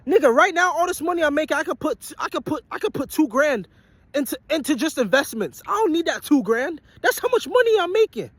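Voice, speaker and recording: A man's voice: extremely high pitch, big pitch swings, a little fast, no room sound. A man in his twenties giving a blunt, profane motivational rant to his viewers, repeating his points over and over after a long work shift. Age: 20s. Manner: blunt, profane and repetitive, hammering points home. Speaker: vlogger and aspiring musician.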